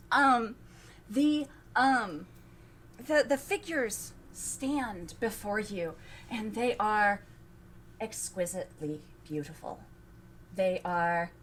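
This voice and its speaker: A woman narrating as game master of a tabletop game, halting and restarting as she describes scenes. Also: mid-range voice, a bit bright, a little hiss or hum.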